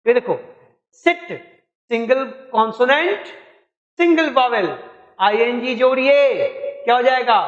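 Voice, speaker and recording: A man's voice: very high-pitched, a bit bright, in a large hall, lo-fi sound. A man teaching an English grammar lesson, spelling words out letter by letter and asking and answering his own questions.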